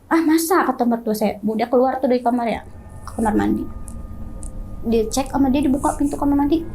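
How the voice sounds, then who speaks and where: A young woman with a high, mellow voice, telling a personal ghost story as a guest. She talks in an animated way and acts out other people's lines in quoted voices. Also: fairly quick, slight background noise.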